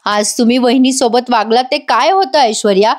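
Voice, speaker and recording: A woman's voice: on the high side, moderate pace, natural voice. A woman reading an accusing young husband. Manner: reproachful, accusing. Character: distraught young man confronting his wife.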